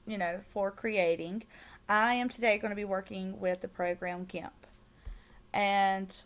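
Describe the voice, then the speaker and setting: A young woman with a strong Southern US accent walks through a software tutorial at her computer. She chats casually, fills pauses with "um", and drops in small apologies as she goes. Her voice sits at an ordinary middle pitch for a woman. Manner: chatty, filler-heavy, apologetic asides. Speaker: tutorial maker. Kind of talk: casual screen-recorded tutorial.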